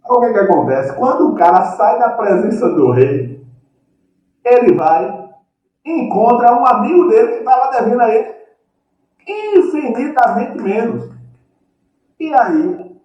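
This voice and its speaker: A man's voice: extremely high pitch, very animated, measured pace, long pauses, dark tone. A man preaching a live sermon, telling the story with animation, acting out voices and chuckling. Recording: echoey room, distant dull mic.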